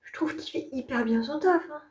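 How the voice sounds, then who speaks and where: A woman with a Parisian French accent speaks in a high, mellow voice. She talks like a beauty vlogger demonstrating a product, in a colloquial, candid way that stays informal. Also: moderate pace. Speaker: beauty vlogger reviewing skincare. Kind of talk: casual product demo chat.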